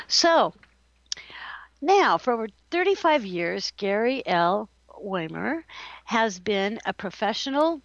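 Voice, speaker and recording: A woman's voice: medium pitch, dry recording, highs cut off. A woman hosting a casual show, giggly, chatty and theatrical in her delivery. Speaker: host. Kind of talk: casual radio-show chat. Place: California.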